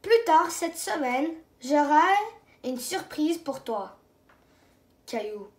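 A woman's voice: high voice, expressive, slow, darkish tone, distant mic. A woman reading a storybook aloud, voicing a smiling aunt who teasingly keeps a surprise secret. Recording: roomy echo.

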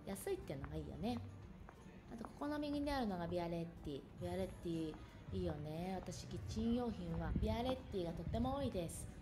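A woman's voice: lowish voice, animated, fast. A woman giving a casual, chatty walking tour of an outdoor shopping village, talking to viewers from behind a handheld camera. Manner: chatty, friendly asides to the viewer. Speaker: vlogger touring an outlet. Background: background music.

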